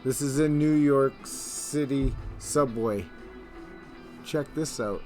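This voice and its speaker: Male video host, offhand and slow, casual commentary with guitar music behind. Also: mid-range voice, darkish tone.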